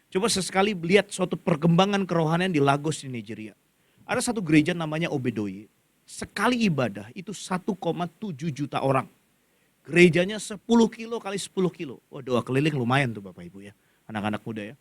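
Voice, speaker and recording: A man preaching a sermon as pastor, calling out to the congregation to repeat lines and swinging his pitch widely as he tells stories. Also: sing-song, quick pace, no room sound. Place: church stage.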